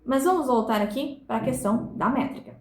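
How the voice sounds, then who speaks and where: Brazilian woman teaching, echoey room. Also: fairly high pitch. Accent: Brazilian Portuguese. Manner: didactic, slows down to read and split verses syllable by syllable. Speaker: literature teacher. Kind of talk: recorded class review lesson.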